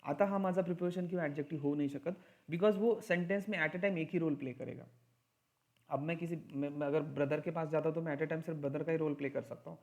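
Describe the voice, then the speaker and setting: A man teaching an English grammar lesson in Hindi mixed with English, slowing down to stress key points. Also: a little high, steady tone, darkish tone, muffled recording.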